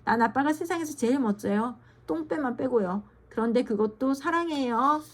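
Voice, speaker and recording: Woman voicing an excitable little schoolgirl. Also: sits high, moderate pace, voice pushed up. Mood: sweet. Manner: bright, excitable, pleading. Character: eager little schoolgirl who adores her dad. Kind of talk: children's storybook reading.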